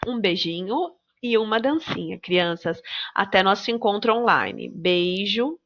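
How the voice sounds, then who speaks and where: A Brazilian woman teacher giving a recorded lesson to young children, slowly stretching out example words. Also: medium pitch, sing-song, a bit bright. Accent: Brazilian Portuguese. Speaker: primary school teacher. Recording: slightly dull lo-fi recording.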